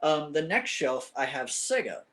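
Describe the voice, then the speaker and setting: A man's voice: on the high side, big pitch swings, unhurried, a bit bright. A young man in his own game room, rambling with lots of ums as he shows his gear to a phone camera. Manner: rambling, many ums and uhs. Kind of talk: casual show-and-tell.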